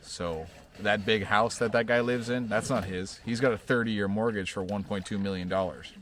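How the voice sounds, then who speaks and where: A man from the United States talks at length in a lowish voice, rambling from point to point. He is opinionated and breaks into laughter often, the way a vlogger chats with a friend. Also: steady tone, normal speed, a bit bright. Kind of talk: casual chat.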